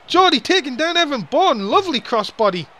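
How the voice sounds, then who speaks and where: A man calling a wrestling match play by play, excitable and quick to grumble. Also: very high-pitched, heavy background noise. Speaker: wrestling commentator.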